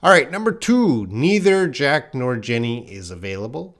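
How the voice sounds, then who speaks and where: A Canadian man teaches an English grammar lesson live online, explaining slowly and patiently and reading viewers' comments aloud. His mid-range voice has a fairly bright tone and big pitch swings.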